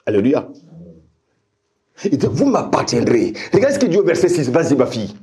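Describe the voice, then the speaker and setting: A middle-aged man preaching a sermon with passion, repeating phrases, dropping to low asides and climbing to high shouted refrains while calling out to his congregation. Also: wildly swooping pitch, normal speed. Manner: addresses the congregation directly with call-and-response.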